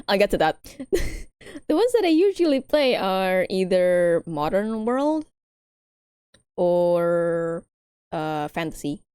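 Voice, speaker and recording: A woman's voice: fairly low pitch, very animated, slow, pauses often, a little mellow, smooth, no echo, clean studio sound. A young woman streaming a visual novel, chatting, giggling and reading the game text aloud in a rambling way. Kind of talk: casual game commentary.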